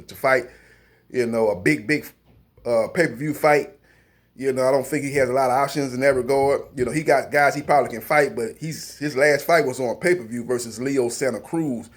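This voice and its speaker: A man hosting a boxing news channel, giving casual, rambling, opinionated commentary with many fillers and restarts. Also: medium pitch.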